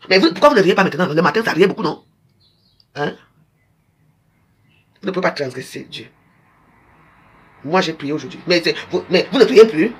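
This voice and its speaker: A woman speaks quickly to her viewers on a live stream. Her voice is husky. She lectures them in an emphatic, repetitive way. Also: mid-range voice.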